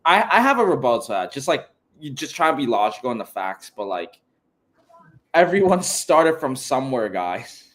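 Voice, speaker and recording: A man's voice: medium pitch, normal speed. A man co-hosting a casual livestream, joking around and packing his talk with filler words. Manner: joking, lots of "like", animated. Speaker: livestream co-host.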